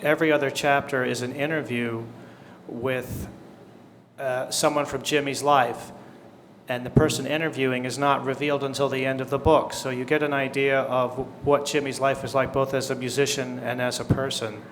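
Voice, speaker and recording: A man, an author and musician, introducing his novel on a book festival panel in a measured way, with some hesitations. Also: mid-range voice, flat delivery, fairly bright tone, a little hiss or hum. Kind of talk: panel talk.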